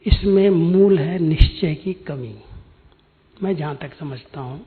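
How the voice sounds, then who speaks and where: A man's voice: a little high, takes it slowly, a little hiss or hum. A man, giving a spiritual discourse and telling his own story in an earnest, direct way. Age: 60s. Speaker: spiritual speaker. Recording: tinny phone-like sound in a hall with long reverb.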